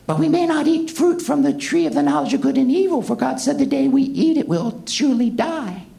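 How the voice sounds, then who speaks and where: A man voicing a naive, innocent young woman in a high, sing-song falsetto. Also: sing-song, fairly quick, vocal fry, dark tone, exaggerated voice.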